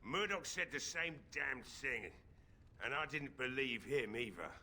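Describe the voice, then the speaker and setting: Brief: a stubborn old blacksmith in a game, bright, forceful tone, bitter and despairing. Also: male voice, mid-range voice, lively intonation, a little slow, a little hiss or hum, full character voice. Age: older. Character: grieving, stubborn old male blacksmith, drunk.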